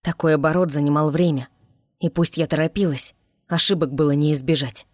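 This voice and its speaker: A woman narrating a fantasy audiobook in first person with an expressive reading. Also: low voice, a little fast, no echo, clean studio sound.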